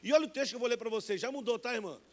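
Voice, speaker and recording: A man in his fifties with a Brazilian Portuguese accent, preaching a personal testimony in church, animated and acting out the people in his stories. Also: very high voice, racing. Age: 50s. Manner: animated, acts out voices in his stories, calls listeners brother. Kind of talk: sermon testimony. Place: church sanctuary.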